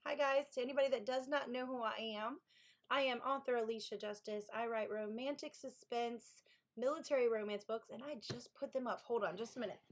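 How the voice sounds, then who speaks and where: A little fast and on the high side, this woman's Southern-accented voice belongs to a Kentucky author who streams writing sprints. She chats casually about her books, reads the chat aloud, and thanks her viewers in a chatty way.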